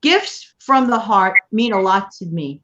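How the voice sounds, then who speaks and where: A woman's voice: medium pitch, lively intonation, measured pace, muffled recording. Chatty New York woman hosting a livestream. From New York City. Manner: chatty, warm thanks to viewers and co-host. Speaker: channel host. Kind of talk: casual livestream chat.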